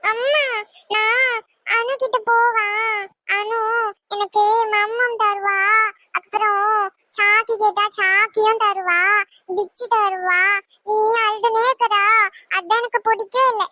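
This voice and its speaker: A woman voicing a small chatty toddler girl with babyish, lisping speech, in an animated cartoon. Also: very high-pitched, slow pace, a little hiss or hum, heavily acted. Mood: worried.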